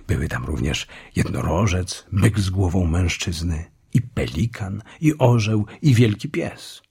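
A man narrating a children's fantasy audiobook in slow, measured storytelling. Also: sits low, darkish tone, slightly rough. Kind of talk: scripted narration.

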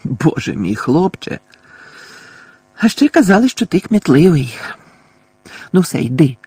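A man reading an audiobook voices a shrill, furious old woman, a bossy neighbour who shrieks and scolds. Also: very animated, a little slow, dark tone, husky, no room sound, exaggerated voice. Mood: scolding.

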